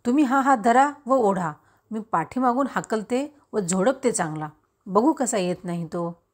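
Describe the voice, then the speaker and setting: A woman's voice: on the high side, animated, unhurried. A woman voicing a stern village mother who scolds her son, in a storybook reading. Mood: angry scolding. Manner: scolding, forceful.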